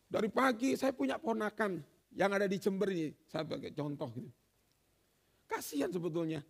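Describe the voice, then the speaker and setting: A man preaching a sermon, telling stories and acting out quoted dialogue, swinging between loud and soft. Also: high voice, vocal fry.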